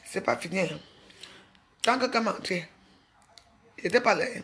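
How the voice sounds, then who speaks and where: A woman talking to her online followers in a mocking, scolding rant, full of quick restarts and jabs. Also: medium pitch, gravelly, a bit bright. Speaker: social media personality. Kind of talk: ranting live video.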